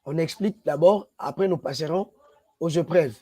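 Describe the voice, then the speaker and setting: A man's voice: fairly high pitch, normal speed, dark tone, breathy edge. A man, teaching a language lesson and spelling out letters one by one. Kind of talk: slow spoken lesson.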